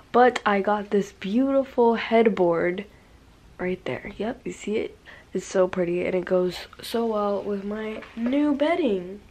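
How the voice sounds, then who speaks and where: A woman's voice: medium pitch, slight background noise. A teenage girl in her bedroom, chatting in a casual haul vlog, bubbly and rambling with lots of fillers. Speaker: vlogger.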